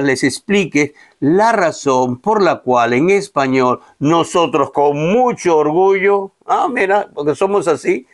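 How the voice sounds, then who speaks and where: A man's voice: mid-range voice, dry recording, clean studio sound. A man hosting his own video, explaining casually in a chatty, digressive way. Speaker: video host.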